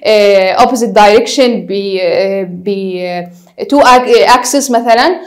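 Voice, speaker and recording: A young woman gives a casual university lecture, mixing in English technical terms and pausing often on hesitation sounds. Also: medium pitch. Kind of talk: recorded lecture.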